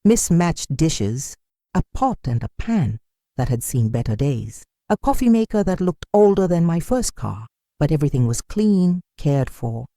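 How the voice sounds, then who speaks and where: Woman reading a story out, calm and even, warm soft voice, dead dry sound. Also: deep voice, unhurried, dry recording. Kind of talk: scripted first-person narration.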